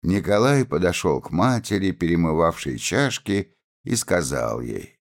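A man reads a novel aloud with a very deep voice. He takes his time and lets his pitch rise and fall expressively as he tells the story. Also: big pitch swings, unhurried. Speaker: audiobook reader.

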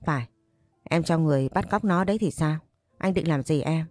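A woman voicing a jealous, cruel young wife who threatens and taunts in a low, warm voice. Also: normal speed, no room sound, soft background music, close to an everyday voice. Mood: mocking. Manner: taunting, menacing.

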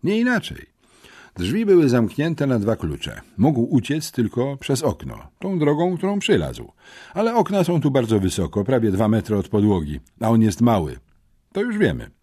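A man voicing a confident teenage boy detective who calmly reasons things out in a storybook. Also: medium pitch, moderate pace, slightly rough, voice pushed up. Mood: reasoning. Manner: calm, deductive, reassuring.

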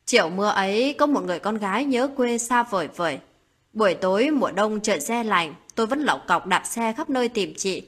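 A woman narrating a late-night story as a storyteller, in a calm, steady reading voice. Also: mid-range voice, brisk, breathy edge.

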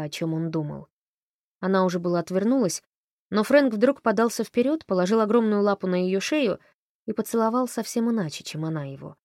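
A woman's voice: mid-range voice, mellow, no echo. Female audiobook narrator, dry close sound. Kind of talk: scripted narration.

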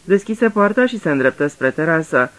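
A man narrating a mystery in a radio drama reading, measured and even. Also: a little high.

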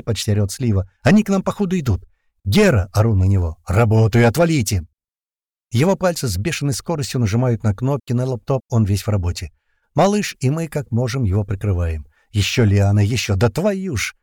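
A man narrating a first-person action audiobook, tense and urgent, loudly shouting the characters' lines. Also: on the low side, dry recording, studio quality.

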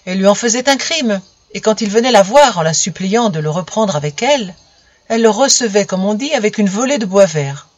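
A narrator reading a story aloud in an even, measured way. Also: medium pitch, dry recording, highs cut off.

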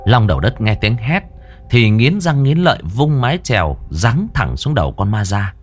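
A man's voice: lowish voice, big pitch swings, moderate pace, soft background music. A man narrating a ghost story in a dramatic storytelling manner.

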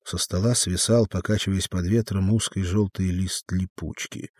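A man narrating a literary novel as an audiobook reader, in an expressive, measured way. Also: low voice, dry recording, clean studio sound.

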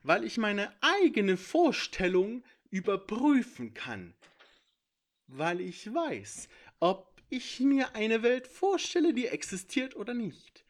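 A man voicing a shrill, arrogant male villain who cackles and taunts in a manic way. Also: very animated, slow pace, heavily acted. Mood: gloating.

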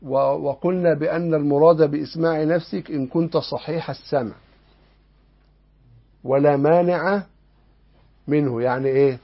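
Gravelly Egyptian teacher, lo-fi. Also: male voice, on the high side, fairly even intonation, moderate pace, pauses often. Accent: Egyptian Arabic. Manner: explanatory, asks the class rhetorical questions. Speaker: Islamic law teacher. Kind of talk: explaining a legal text in a lesson. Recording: dull lo-fi lesson recording.

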